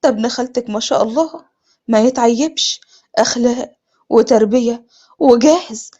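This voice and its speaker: امرأة تؤدي دور أم أكبر سنًا تقنع ابنتها بالزواج، بلهجة مصرية ونبرة ملحّة. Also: female voice, on the high side, normal speed, dark tone, highs cut off, natural voice. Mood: coaxing. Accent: Egyptian. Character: older mother, pushing her daughter to marry.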